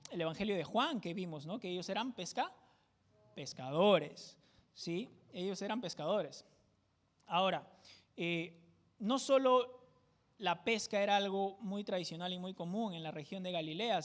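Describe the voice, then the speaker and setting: A man teaching a verse-by-verse Bible study in a conversational way, often checking in with tag questions. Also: sits high. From Peru. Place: church.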